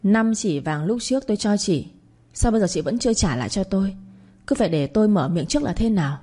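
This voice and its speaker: A woman voicing a bossy older mother-in-law who scolds in a shrill, accusing voice. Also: expressive, quick pace, warm tone, husky. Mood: demanding. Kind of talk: audio story reading.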